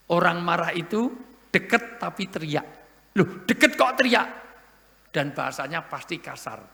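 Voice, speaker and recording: A man preaching a humorous sermon to an audience, lively and joking, with sudden loud emphasis. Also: fairly high pitch, vocal fry. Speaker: Islamic preacher. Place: large hall at an event. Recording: echoey hall with long reverb.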